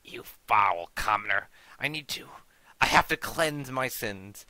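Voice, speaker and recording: A man's voice: medium pitch, expressive, measured pace, sharp tone, dry recording, poor audio. A man voicing a gaunt, guilt-ridden old nobleman driven mad, ranting and menacing in a raised voice.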